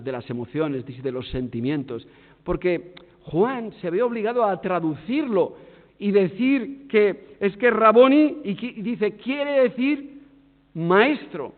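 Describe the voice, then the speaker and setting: Male preacher, accent from Spain, high lively voice, tinny sound with long hall echo. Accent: Spain Spanish. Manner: expressive, swings between loud emphasis and hushed tones. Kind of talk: sermon.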